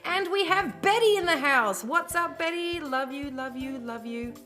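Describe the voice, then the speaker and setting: Playful female co-host, high and animated voice, music underneath. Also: normal speed. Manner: playful, chatty, shouts out viewers. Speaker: cocktail show co-host. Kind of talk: casual chat.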